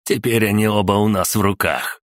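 A man's voice: fairly low pitch, fairly even intonation, fairly quick, dry recording, clean studio sound, pitched above the performer's own voice, lightly acted. A man voicing a scornful gang leader who mocks and bargains with menace. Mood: menacing bargaining.

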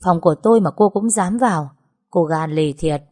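A woman voicing a gruff young master of a rich household who scolds curtly. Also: lowish voice, normal speed, a little mellow, close to an everyday voice. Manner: curt, scolding.

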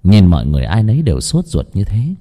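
A man narrating a ghost story in a mellow, dark tone. His pitch swings widely as he builds suspense and stretches out key words. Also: huge pitch swings, quick pace, long reverb tail. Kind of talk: dramatic horror story narration.

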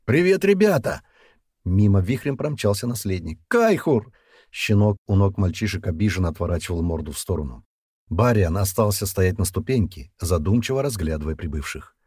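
Man reading a fantasy audiobook, low dark husky voice, dry close sound. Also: dry recording. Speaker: audiobook narrator. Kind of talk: scripted fiction narration.

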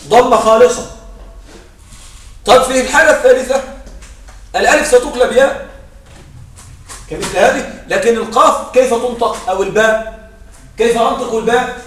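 A man's voice: extremely high pitch, fairly bright tone. A male teacher giving a classroom grammar lesson, explaining patiently, repeating his points and checking that a student follows. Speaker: Arabic morphology teacher. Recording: very echoey room, voice heard from far off.

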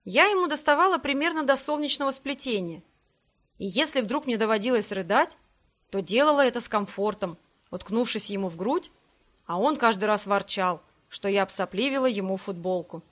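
A woman narrating a fantasy audiobook in the first person, in an even storytelling manner. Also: on the high side, normal speed.

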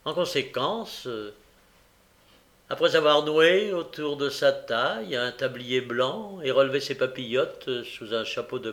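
A man reading a classic novel aloud in measured narration, with small hesitations. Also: medium pitch, fairly bright tone. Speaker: audiobook reader. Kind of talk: scripted narration.

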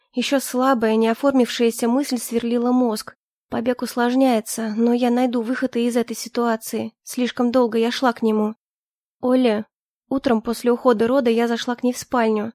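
A woman narrating a first-person story as an audiobook, with a steady, even reading. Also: a little high, no echo, clean studio sound.

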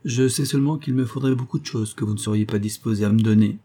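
A man's voice: mid-range voice, fast talker, mellow, close to an everyday voice. A man voicing a young male abbé and painter who talks in a joking, proud way in an audiobook. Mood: bantering. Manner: bantering, proud. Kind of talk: audiobook character voice.

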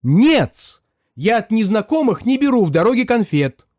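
A man doing a jumpy, sharp-nosed woman on a train, her voice pushed high and shrill. She speaks insistently and keeps pressing every point. The reading is close and dry. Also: huge pitch swings, a little fast, no room sound. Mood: shrill warning.

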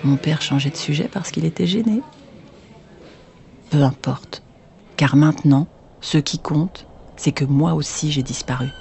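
A mellow, dark-toned reader tells a children's bedtime story in a child's first-person voice and turns to confide in the listener now and then. There is a faint hiss underneath. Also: mid-range voice, measured pace, creaky, long pauses.

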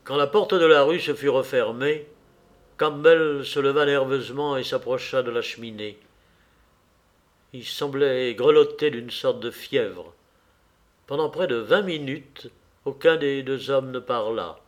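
A man narrating a classic novel in a measured audiobook reading. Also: mid-range voice.

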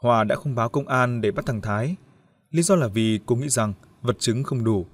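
A man reading a grim family tragedy aloud as an audiobook narrator, steady and grave. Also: mid-range voice, normal speed.

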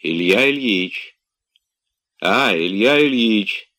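A grumbling elderly manservant, voiced by a man reading an audiobook. His deep voice coaxes and nags, muttering complaints under his breath. Each plea is patient, stubborn and faintly exasperated. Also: lively intonation, slow, pushed and bright, heavily acted. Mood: coaxing. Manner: grumbling, coaxing, then exasperated.

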